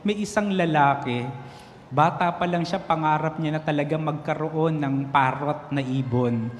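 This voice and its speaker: A man preaching a sermon as a priest, telling jokes and stories in an animated way. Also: fairly high pitch, normal speed, a little hiss or hum. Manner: jokey storytelling, animated. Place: large church. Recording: echoey church hall.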